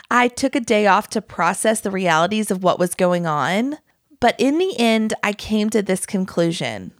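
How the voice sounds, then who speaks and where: A woman's voice: mid-range voice, no room sound, studio quality. A woman hosting a solo podcast, speaking earnestly and emphatically and calling her listeners friends. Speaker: podcast host and small business owner. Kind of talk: scripted solo podcast talk.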